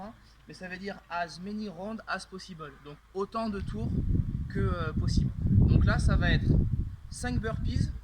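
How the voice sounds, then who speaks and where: A high-pitched fitness coach leads a home workout, explaining each exercise while demonstrating it and letting out loud bursts on the effort. He keeps asking "d'accord?" and uses fillers, all over heavy background noise.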